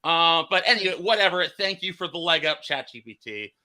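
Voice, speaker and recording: A man's voice: fairly high pitch, lively intonation, brisk, sharp tone. A man hosting a casual podcast chat, rambling and restarting his phrases. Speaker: podcast host.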